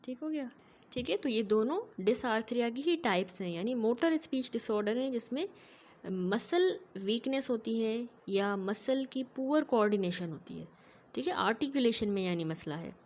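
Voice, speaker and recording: A woman giving a methodical, explanatory medical lecture, often pausing to check in with her students. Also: on the high side, animated, darkish tone. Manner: methodical, keeps checking in with "ठीक है".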